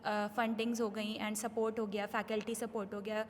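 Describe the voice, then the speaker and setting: A woman's voice: mid-range voice, little pitch movement, normal speed, slight background noise. Articulate young woman, echoey room. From Uttar Pradesh, India. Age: 20s. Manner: articulate, mixes Hindi and English. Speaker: third-year student. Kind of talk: casual interview answers. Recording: echoey room with faint ambience.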